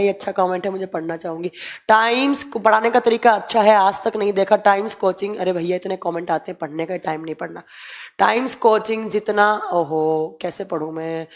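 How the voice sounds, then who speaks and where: A young woman teacher running a live online class, reading out chat questions and answering them in a relaxed explaining way. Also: fairly high pitch. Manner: explains in mixed Hindi and English, reads viewer comments aloud.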